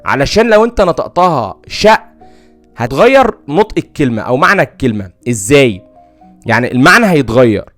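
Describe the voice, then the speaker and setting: A man with an Egyptian Arabic accent teaching English pronunciation, reading out word lists slowly and repeating words clearly. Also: mid-range voice, sing-song, fairly bright tone, faint music behind. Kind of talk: recorded language lesson.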